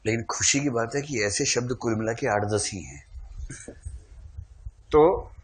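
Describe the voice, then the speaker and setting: A man's voice: mid-range voice, unhurried. A man teaching a classroom lecture, playfully quizzing his students and calling on them to answer.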